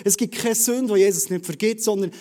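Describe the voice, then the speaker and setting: A high-voiced man with a Swiss German accent, giving a casual, conversational sermon to his church. He swings between loud bursts and quiet, hushed asides. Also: fairly quick. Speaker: preacher. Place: church service.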